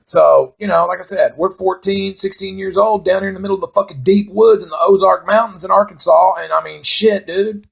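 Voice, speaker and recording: A middle-aged man with a gravelly, slightly raspy voice tells a story in a loose, rambling way, swearing constantly. He laughs at his own tale now and then and keeps a plain, casual pace. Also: high-pitched, steady tone, brisk, few pauses.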